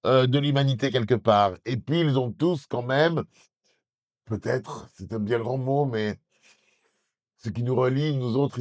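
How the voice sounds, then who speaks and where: A middle-aged man from southwest France answering interview questions as a documentary presenter, earnest and hesitant with many fillers and restarts. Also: medium pitch.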